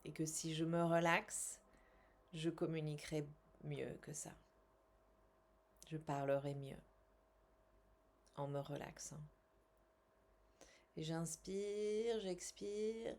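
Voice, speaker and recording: A woman guiding a calm tapping session in French, speaking slowly and repeating soothing phrases. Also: low-pitched.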